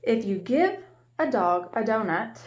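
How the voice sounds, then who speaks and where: A young woman with a slightly high, very animated voice reads a picture book to small children, asking questions and pausing warmly the way a preschool teacher would. A webcam at arm's length in her small home room captures dull audio with a little hiss or hum.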